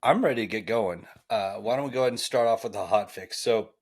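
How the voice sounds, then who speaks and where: A man hosting a laid-back podcast in a somewhat low voice. He talks in a friendly, rambling way, full of ums and uhs. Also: fast talker, gravelly. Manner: friendly, filler-heavy, rambling. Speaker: podcast host. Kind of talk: casual podcast chat.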